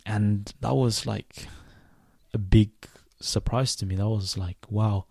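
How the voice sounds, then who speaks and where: A man in his twenties, raised in Sweden, hosting a reflective solo podcast in a thoughtful, unhurried way with many restarts. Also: fairly low pitch, steady tone, creaky, darkish tone, no echo. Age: 20s. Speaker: podcast host.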